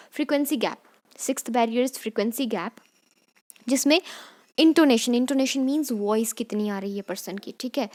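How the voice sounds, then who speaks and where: Young female teacher, slightly high voice, patient explanatory lecture style. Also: a little mellow. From Kangra district, Himachal Pradesh, India. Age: young adult. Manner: explanatory, repeats "theek hai" often, mixes Hindi and English. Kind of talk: exam-prep lecture.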